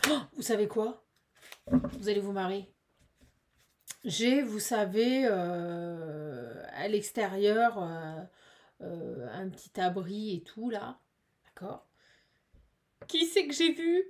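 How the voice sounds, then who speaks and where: A woman giving a casual, chatty tarot card reading, animated and full of fillers. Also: medium pitch, slow, long pauses.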